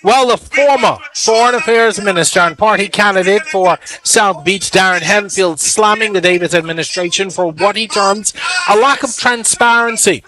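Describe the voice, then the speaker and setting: Bahamian man, news anchor, high voice, brisk formal read. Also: low-quality recording.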